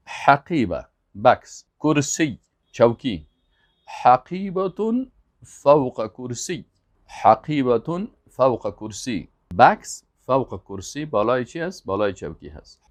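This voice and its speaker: A man teaching Arabic, repeating each word slowly and emphatically, then adding quick explanations. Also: medium pitch. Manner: slow, emphatic word-by-word repetition with quick asides. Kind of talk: language lesson, drilling vocabulary.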